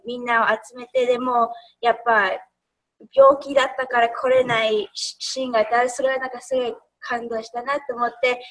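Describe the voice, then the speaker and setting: A woman's voice: a little high, a bit bright, low-quality recording. A woman in casual discussion of a film, talking hesitantly with many fillers. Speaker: discussion participant.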